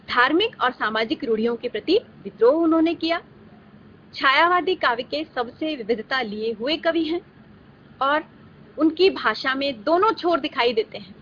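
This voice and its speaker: High, bright-voiced woman lecturer. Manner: patient, calls students "beta". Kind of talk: virtual class lecture with questions. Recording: dull lo-fi recording with faint hiss.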